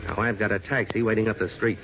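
An actor playing a tough, sarcastic police inspector in an old radio drama, gruff and commanding. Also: male voice, lowish voice, steady tone, quick pace, a crowd in the background, lightly acted. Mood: stern, impatient. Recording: muffled noisy old radio recording.

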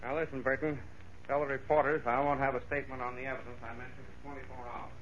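An actor with an American accent playing a gruff, grudging, commanding police inspector in a 1940s radio drama. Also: male voice, medium pitch, level tone, quick pace, a bit bright, natural voice. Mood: grudging, stern. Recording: muffled, slightly noisy vintage radio recording.

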